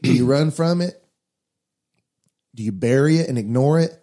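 Earnest preacher guy chatting about faith, warm dark tone. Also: mid-range voice, moderate pace. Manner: earnest, preachy, addresses listeners as guys. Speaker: pastor. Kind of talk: casual faith talk.

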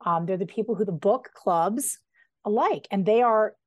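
Give me an animated middle-aged woman author in an interview, recorded dry. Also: medium pitch, no room sound. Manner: animated, digressive, with quick asides. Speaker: novelist guest. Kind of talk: casual interview talk.

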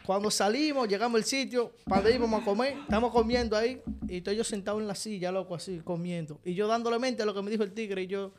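Man, Dominican Spanish accent, high-pitched, casual comic storytelling, animated. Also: fast, hardly any pauses. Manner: animated, laughs through his stories. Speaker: podcast co-host.

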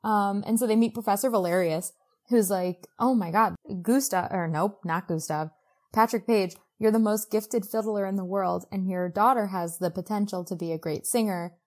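Mid-range in pitch and at normal speed, a woman on a podcast she co-hosts chats about a book's plot. She's exclamatory and animated, with "like" dropped in everywhere.

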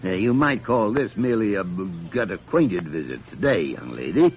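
A man acting a gruff, easily flustered senior doctor in a blustery, sputtering old-time radio drama style. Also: deep voice, big pitch swings, moderate pace. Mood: politely probing. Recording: dull, hissy old radio recording.

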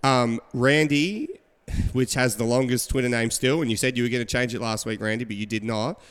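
A man hosting a casual sports podcast, telling stories with animated quoting. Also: medium pitch, brisk, smooth, in a large hall. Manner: animated storyteller, acts out quotes. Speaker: podcast host. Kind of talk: casual chat.

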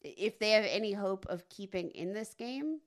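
Woman, podcast co-host, emphatic, playful teasing, chatty, medium pitch. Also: animated, moderate pace. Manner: emphatic and teasing, many "like" fillers. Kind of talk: casual sports podcast chat.

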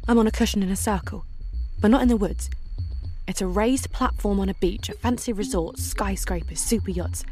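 A woman's voice: mid-range voice, moderate pace, dark tone, soft background music, lightly acted. An actress playing a wry female protagonist, telling her story in first-person, present-tense dramatic narration. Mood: wry, absorbed.

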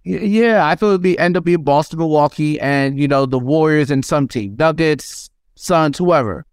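A male podcast host with a fairly high voice steers a casual sports chat. He asks questions in a friendly way and stumbles through a few restarts. The sound is close and dry. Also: clean tone, dry recording. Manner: friendly interviewer, halting with fillers.

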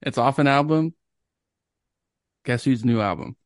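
A man's voice: medium pitch, measured pace, no echo, studio quality. A young man co-hosting a podcast, chatting casually and telling stories with enthusiasm and casual swearing. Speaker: podcast co-host. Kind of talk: casual chat.

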